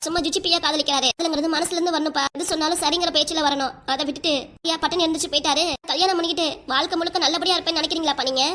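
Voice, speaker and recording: A woman voicing a stubborn young daughter, high and rapid. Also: fairly even intonation, sharp tone. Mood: insistent. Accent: Tamil, southern Tamil Nadu dialect. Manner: insistent, emotional, rapid.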